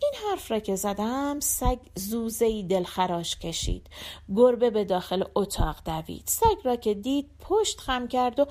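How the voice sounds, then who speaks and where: A woman narrating a short story as an audiobook, acting out the characters' lines expressively. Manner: expressive, voices characters with raised pitch. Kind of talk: storybook narration with acted dialogue.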